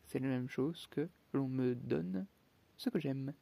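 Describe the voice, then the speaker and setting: Sulky storybook hare, voiced by a man, humble, gravel in the voice. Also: mid-range voice, takes it slowly, mellow. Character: sulky, argumentative March Hare.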